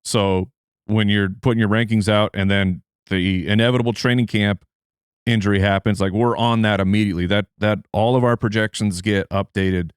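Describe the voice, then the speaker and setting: A man's voice: lowish voice, fairly even intonation, moderate pace, clean tone, no room sound, studio quality. A man, a fantasy football analyst, chatting casually in an interview with loose, restart-heavy phrasing.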